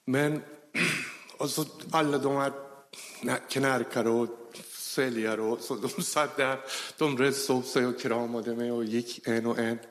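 A man telling his personal conversion story, animatedly acting out the dialogue, with halting, non-native phrasing. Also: mid-range voice, steady tone, fairly bright tone. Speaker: testimony speaker. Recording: reverberant hall.

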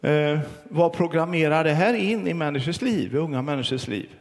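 A middle-aged man preaching a sermon as pastor, earnest and storytelling, with pauses and fillers. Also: a little high, expressive, big-room sound.

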